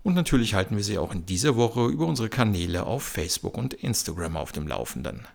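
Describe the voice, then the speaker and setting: A man's voice: fairly low pitch, sing-song, fast talker, vocal fry, a little mellow. A man with an Austrian accent giving scripted narration and local announcements. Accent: Austrian German.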